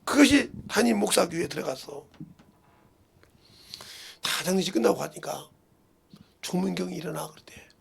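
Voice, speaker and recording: Gravelly, husky preacher with swinging pitch. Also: male voice, lively intonation, normal speed, long pauses. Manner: swings from hushed murmurs to loud cries, acting out relatives' words. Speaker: pastor. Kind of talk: sermon with told stories.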